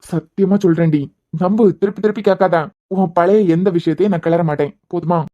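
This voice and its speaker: A woman voicing a devoted young husband who is a hospital head, speaking in a Kanyakumari Tamil accent, bantering fast and turning stern at times. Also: lowish voice, steady tone, warm tone, dull audio, natural voice. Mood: tender, reassuring. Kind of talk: cartoon web series voice acting.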